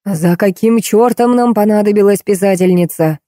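A woman's voice: medium pitch, moderate pace, mellow, no room sound, studio quality, natural voice. Woman reading as a grumpy, scornful man. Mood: irritated. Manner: grumbling, scornful outbursts. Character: irritable tipsy middle-aged man, grumbling.

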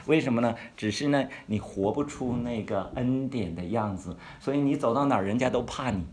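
A man giving a conversational Bible-study sermon. He asks his listeners questions and draws out key words slowly for emphasis. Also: medium pitch, a little mellow. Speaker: pastor or Bible teacher.

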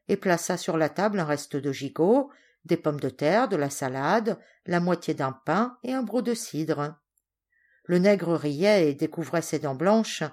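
A woman narrating a storybook in a clear, measured reading voice. Her voice sits low for a woman. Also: a little mellow. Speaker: volunteer audiobook reader.

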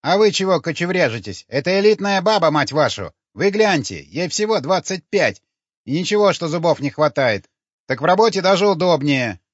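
A man's voice: on the high side, sing-song, moderate pace, dry recording, highs cut off, pitched above the performer's own voice. A man voicing an angry, abusive male dwarf pimp in an audiobook. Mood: pushy. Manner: screeching, abusive.

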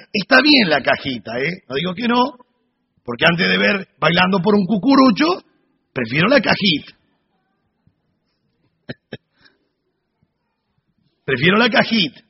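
Lively, husky-voiced preacher. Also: male voice, high-pitched, normal speed, pauses often. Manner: animated storytelling with humorous asides. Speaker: Bible teacher. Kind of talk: Sunday school sermon. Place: church hall. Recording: dull recording in a reverberant hall.

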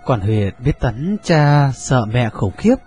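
Một người đàn ông kể truyện đọc, giọng chừng mực. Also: male voice, mid-range voice, big pitch swings, slow pace, warm tone, breathy edge, soft background music. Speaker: narrator. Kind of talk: audiobook narration.

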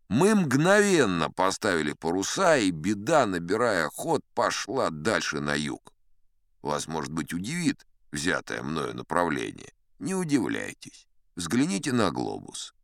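Old sea captain, very low voice, animated swoops, pompous storytelling, theatrical audiobook, close dry sound. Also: male voice, no echo, heavily acted. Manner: pompous, conversational asides to a young listener. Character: old sea captain spinning tall tales, pompous and dignified. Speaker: audiobook performer narrating as a character. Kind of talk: theatrical first-person storytelling from an adventure audiobook.

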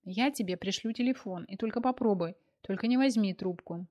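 A woman's voice: mid-range voice, a little fast, darkish tone, close to an everyday voice. Woman doing a playful loving man in a storybook, teasing and fond. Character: affectionate grown man, teasing lover.

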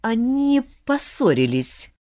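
A woman's voice: a little high, sing-song, takes it slowly, dark tone, voice pushed up. A woman voicing a shy, embarrassed young man who answers hesitantly and awkwardly.

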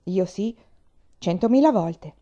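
A woman's voice: mid-range voice, animated, slow pace, dark tone, dull audio. A woman reading aloud, voicing a sensitive, dreamy young boy who fears pain, in a plaintive, pleading way.

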